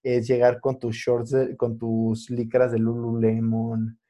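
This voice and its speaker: Mexican guy podcast host, soft mellow voice, super slangy, throws english words in, just chatting. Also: mid-range voice, completely flat delivery, slow pace. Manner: slangy young urban Mexican speech with English words mixed in. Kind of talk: casual podcast chat.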